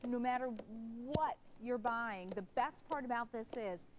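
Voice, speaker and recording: A woman hosting a home shopping show, giving an emphatic sales pitch that repeats key phrases. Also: unhurried, background noise.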